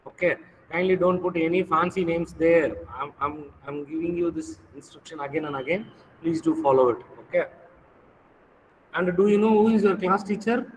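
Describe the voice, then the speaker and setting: High-voiced Tamil-accented man lecturing. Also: normal speed, in a large hall, slight background noise, rough recording. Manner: instructive, repeats phrases, checks in with "okay". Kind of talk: informal classroom lecture to students.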